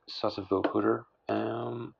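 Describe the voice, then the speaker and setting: A man with a low, gravelly voice, hoarse with a breathy rasp, talks through a software tutorial off the cuff. His delivery is halting and trails off, as if worn out late at night. The recording is dull and lo-fi. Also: level tone. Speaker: music production tutorial host. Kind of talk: casual unscripted software tutorial. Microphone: voice-over on screen recording. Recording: dull, lo-fi voice-over.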